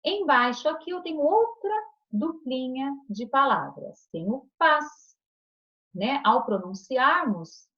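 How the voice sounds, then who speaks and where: A woman teacher records an online lesson for young children. Her voice sits a little high and swings widely up and down as she coaxes them along, checking in with short questions. The sound is dull and lo-fi. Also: fairly bright tone. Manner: patient, coaxing, speaks to children with many tag questions. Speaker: primary school teacher.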